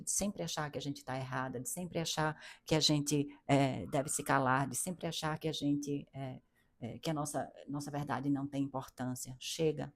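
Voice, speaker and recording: A middle-aged Brazilian woman speaks with a low, deep voice, coaching her listeners in an earnest and emphatic way. She repeats key phrases and restarts her sentences as she builds to each point. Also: slight background noise. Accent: Brazilian Portuguese. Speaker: coach for women. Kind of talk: motivational talk to camera.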